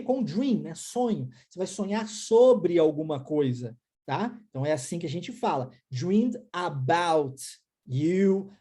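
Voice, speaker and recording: A woman's voice: medium pitch, warm tone, breathy edge. A woman with a Brazilian Portuguese accent teaching an online English lesson, explaining step by step and often checking in with short questions.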